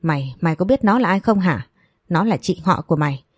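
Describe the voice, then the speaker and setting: A woman voicing a furious, abusive middle-aged mother who screams insults and scolds in an audio story. Her voice is low and dark. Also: expressive, brisk, husky, dry recording, studio quality. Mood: furious scolding.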